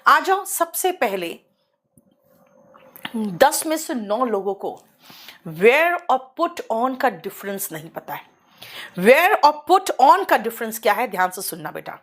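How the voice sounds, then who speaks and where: Lively, slow-talking woman English teacher. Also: on the high side. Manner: addresses students as beta, scolding and coaxing; mixes English words into Hindi explanation. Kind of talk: online class lecture.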